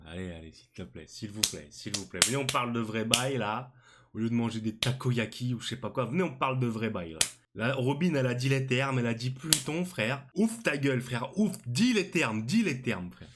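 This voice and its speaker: A young man giving excited reaction commentary, slangy and exclamatory, often repeating his phrases. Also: mid-range voice, fairly quick, very noisy. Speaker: manga reaction youtuber. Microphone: studio microphone on arm.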